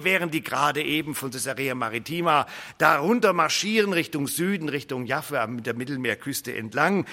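A male preacher telling a story as a sermon in a lively way, acting out characters and speaking straight to his listeners. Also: a little high, long reverb tail. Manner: animated, acts out characters, addresses listeners directly.

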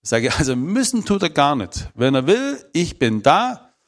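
Speaking at a moderate pace in a fairly high, sing-song voice, a man recounts his personal testimony. His delivery is emotional and emphatic, and his loudness keeps shifting.

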